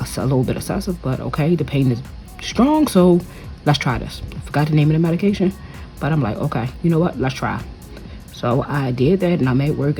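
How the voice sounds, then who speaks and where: A woman's voice: rumbling low, mellow. A woman vlogger telling a rambling story in casual chat while doing nails, with lots of "like" fillers. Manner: rambling, conversational, many "like" fillers. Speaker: nail vlogger.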